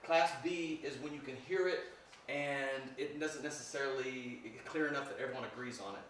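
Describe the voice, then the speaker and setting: A man's voice: mid-range voice, fairly quick, a bit bright. A man giving a casual talk to a live audience, chatty, laughing often and repeating himself. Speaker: filmmaker and ghost hunter giving a talk. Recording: echoey room from far off, background noise.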